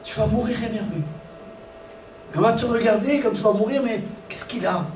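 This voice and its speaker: A man preaching a sermon as pastor, animated, acting out little scenes and shouting warnings. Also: high-pitched, moderate pace, noisy background. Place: church hall. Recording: echoey church room from far off, faint ambience.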